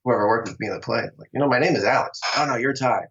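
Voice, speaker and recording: Racing along in a medium-pitched, fairly bright voice, a middle-aged actor from Long Island, New York, relates how his acting career began during a casual interview. He's chatty and laughs often, and the audio has a dull, lo-fi quality.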